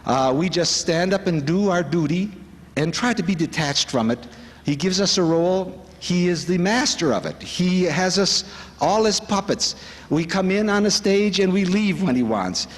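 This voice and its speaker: A man gives a devotional talk at a retreat, sharing stories in an earnest, reflective way. His voice sits a little high for a man. The sound carries a long reverb, as in a conference hall. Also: expressive, moderate pace. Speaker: speaker at a spiritual retreat.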